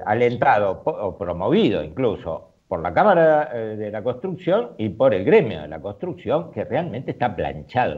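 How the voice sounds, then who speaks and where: A man's voice: medium pitch, a little mellow, highs cut off. A man with an Argentine accent giving critical radio commentary on the economy, with many fillers and restarts. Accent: Argentine Spanish.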